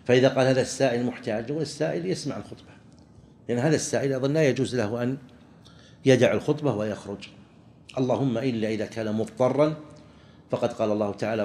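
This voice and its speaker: A man, a religious teacher explaining a legal text to students, halting and often restarting his words. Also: medium pitch, a little mellow. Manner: halting, with frequent restarts and pauses.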